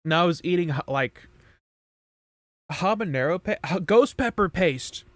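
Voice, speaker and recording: A man's voice: high-pitched, lively intonation, a little slow, no room sound. A man streaming, chatting casually and rambling as he reacts to videos, swearing a lot.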